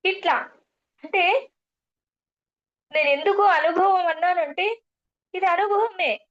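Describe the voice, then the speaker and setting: A woman's voice: very high-pitched, slow. A middle-aged woman gives an earnest spiritual testimony, repeating herself often and addressing the interviewer as madam. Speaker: guest sharing a spiritual testimony. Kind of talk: earnest personal storytelling. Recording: muffled lo-fi recording.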